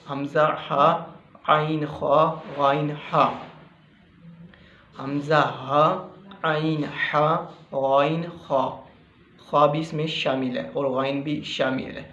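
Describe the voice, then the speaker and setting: A patient man from Pakistan gives a slow lesson on letter sounds, repeating each point and sounding out every letter. His voice sits a little high and keeps to a flat, even tone. The recording is muffled and echoey, as in a bare room. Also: slight background noise. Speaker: Quran reading teacher. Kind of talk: slow spoken lesson with demonstrations.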